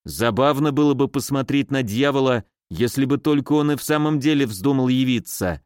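A man's voice: mid-range voice, normal speed, a little mellow, smooth, no echo, studio quality, lightly acted. A man voicing a sly, mischievous male footman in an audiobook. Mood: smug. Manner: sly, teasing.

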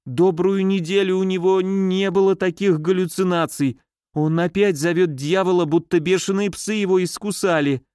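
A man's voice: sits high, steady tone, moderate pace, darkish tone, clear, resonant tone, dry recording, studio quality, pitched above the performer's own voice, close to an everyday voice. A man voicing a mannered, easily frightened female nurse in an audiobook. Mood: shaken, angry. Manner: mannered, fussy, shrieking when afraid.

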